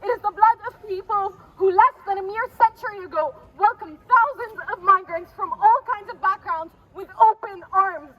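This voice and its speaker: At a city street protest outdoors, a Palestinian diaspora poet declaims a spoken-word piece as a public speech, passionate and full of repeated phrases. Her very high-pitched, fairly bright voice runs at normal speed with hardly any pauses. Traffic ambience fills the noisy street recording.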